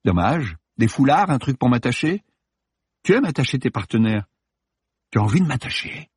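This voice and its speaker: A man's voice: mid-range voice, sing-song, moderate pace, husky, no echo, studio quality, voice pushed up. A man reading an audiobook, voicing a female police officer who talks in a teasing, then cold and cutting way.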